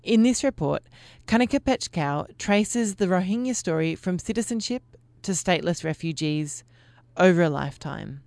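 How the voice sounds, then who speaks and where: Low, gravelly woman news host. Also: animated, darkish tone, no echo. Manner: measured, formal delivery. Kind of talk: scripted news presenting.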